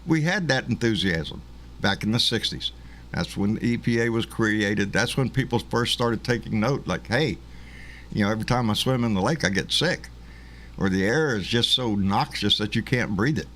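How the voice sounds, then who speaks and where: A man's voice: on the low side, animated, normal speed, a bit bright. A man in his late sixties chatting casually, folksy and agreeable, with chuckling asides. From born in Cuba, raised in the United States. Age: 60s. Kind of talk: casual political chat.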